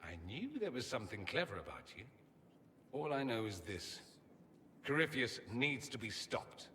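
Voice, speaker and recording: Vain witty mage, bright tone, lively pitch, light reverb, faint ambience. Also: male voice, normal speed, slight background noise. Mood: brooding. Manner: witty, self-assured, theatrical. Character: witty, vain male mage from a foreign empire. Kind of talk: video game dialogue.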